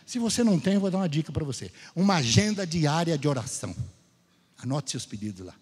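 A man from Brazil giving a testimony sermon in a church, his husky, fairly high voice swinging up and down as he acts out each exchange. The long hall reverb of the sanctuary trails behind his words. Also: fast talker. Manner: storytelling, lively, acts out dialogue. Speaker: Gideon speaker at church.

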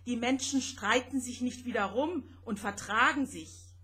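Woman playing a gruff little spaceship boy. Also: on the high side, measured pace, sharp tone, full character voice. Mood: reassuring. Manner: gruff, snappish.

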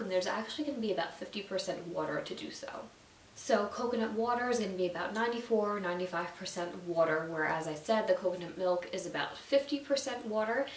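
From her sofa at home, a young adult nutrition vlogger gives a casual explainer to camera, full of "like" and "you know." She has a mid-range, somewhat nasal, stuffy voice; the audio is roomy and hissy from a distant mic.

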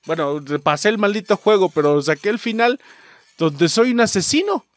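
Excitable Mexican man playing a game. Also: high voice, normal speed, no room sound. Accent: Mexican Spanish. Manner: excitable, swears a lot, yelps when scared. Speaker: gaming YouTuber. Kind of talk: let's play commentary.

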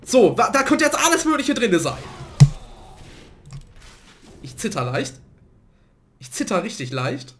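A man commentating his own gameplay in a let's play, a little hoarse from a cold and prone to excited outbursts. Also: high-pitched, a little slow, long pauses, background noise. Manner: excitable, swings to loud outbursts and laughter. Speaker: gaming let's player.

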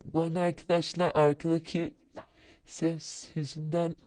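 Woman, casual vlog commentary, low voice, dark tone, talks to herself while typing. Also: level tone, normal speed, dry recording. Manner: sudden high-pitched exclamations. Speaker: vlogger. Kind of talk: casual screen-recorded commentary.

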